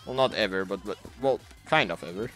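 Excitable young man streaming a shooter. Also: on the low side, brisk. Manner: excitable, laughing, trash-talking. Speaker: gaming streamer. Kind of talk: casual gameplay commentary. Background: anime music.

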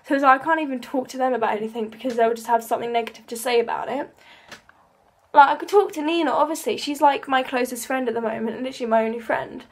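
High-voiced young woman venting. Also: fast talker. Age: young adult. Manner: emotional, rambling, swears freely. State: tearful. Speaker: vlogger. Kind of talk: casual venting to camera.

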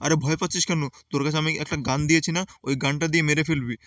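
A man's voice: on the high side, steady tone, rapid-fire, a bit bright, no echo, studio quality, lightly acted. A man voicing a bossy but caring uncle who reassures and lectures his nephew. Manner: reassuring, lecturing, repeats "ঠিক আছে". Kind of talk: game play voice acting.

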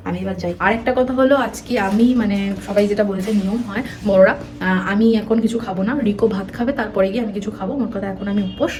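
A young woman with a Bengali accent, chatting casually to camera as a family vlogger. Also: mid-range voice. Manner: chatty, quick, mixes English words into Bengali. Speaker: vlogger, mother of the baby. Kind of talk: casual vlog narration to camera.

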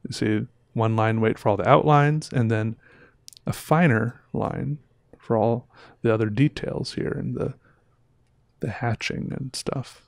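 Creaky and medium-pitched, this man's voice moves at a measured pace. He's in his thirties with a slightly sore throat, giving chatty, rambling, self-interrupting livestream commentary as he goes through viewer art. A headset boom mic in a small room gives a studio-quality recording with no room sound.

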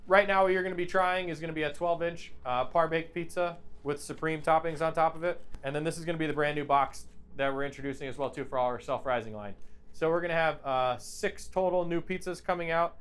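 Smooth, fast-talking man pitching pizza. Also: fairly bright tone. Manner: upbeat sales pitch. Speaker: pizza company representative. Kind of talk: product demonstration.

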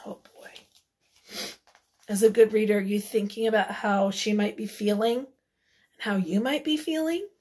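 A woman teacher reading a picture book aloud to children, pausing to ask them questions and sometimes dropping to a whisper. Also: medium pitch. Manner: gentle, asks the children questions, drops to whispers. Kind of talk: children's read-aloud lesson.

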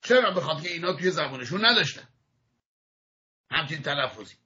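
A man gives a religious lesson on Hebrew pronunciation, patiently repeating and demonstrating sounds and often clearing his throat. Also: fairly high pitch, lively intonation, sharp tone. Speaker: rabbi teaching Hebrew pronunciation. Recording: muffled lo-fi audio archive.

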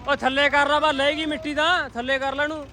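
A man with a Punjabi accent in casual vlog chat and loud rustic banter, calling out to his mates. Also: extremely high pitch, level tone, a little fast. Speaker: vlogger narrating night farm work. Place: outdoors in a farm field at night. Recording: loud engine and vehicle noise outdoors. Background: tractor engines running.

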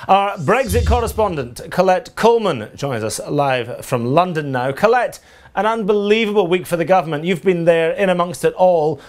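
A smug, deadpan TV news anchor. His voice is slightly high and moves in lively swings. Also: moderate pace. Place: TV news studio.

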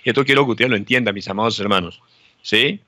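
Bright-voiced emphatic male preacher. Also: on the low side, fast talker, no room sound. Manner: emphatic, repeats phrases, asks rhetorical questions. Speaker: pastor. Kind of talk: sermon.

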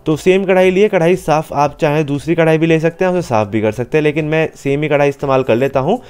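A man's voice: a little high, quick pace, darkish tone, smooth. A young man hosting a cooking channel, explaining each step in a chatty, step-by-step tutorial voice-over. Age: young adult.

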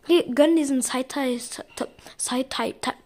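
Excitable young woman gaming. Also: sits high, measured pace. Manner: excited, talks to herself, pleading with the game. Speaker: gaming YouTuber. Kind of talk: casual gaming commentary.

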